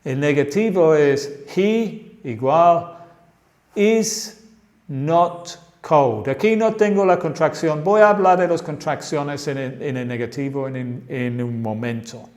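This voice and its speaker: A man's voice: fairly high pitch, darkish tone. A man who is a native English speaker, teaching English to Spanish speakers and giving model sentences for learners to repeat. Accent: native English speaker's accent in Spanish. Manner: slow, carefully spaced model sentences to repeat. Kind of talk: Spanish-language English lesson.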